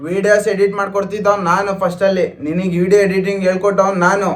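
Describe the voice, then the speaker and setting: A man's voice: sits high, completely flat delivery, rapid-fire. A young man vlogger, repeating pleas and boasts as he argues with his partner on camera. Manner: pleading, repetitive, boastful. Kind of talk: couple prank vlog argument.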